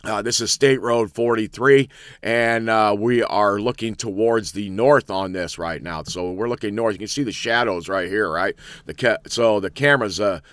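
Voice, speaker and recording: Male weather host, relaxed and rambling, smooth dry close sound. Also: lowish voice, normal speed, dry recording. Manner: chatty, rambling, thinks aloud with many fillers. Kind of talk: casual live weather analysis.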